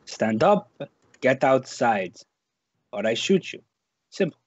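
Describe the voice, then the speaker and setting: A man's voice: medium pitch, sing-song, slow, no room sound, lo-fi sound. A man playing a blunt, threatening street cop. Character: gruff armed male street cop, impatient. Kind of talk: in-character tabletop role-play.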